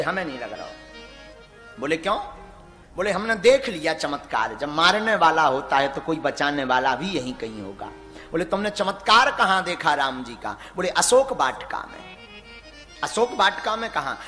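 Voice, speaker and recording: A man's voice: fairly high pitch, sing-song, normal speed, pushed and bright. A man telling a devotional story as a sermon, acting out the dialogue and chanting verses. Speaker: religious storyteller. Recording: echoey hall with music behind.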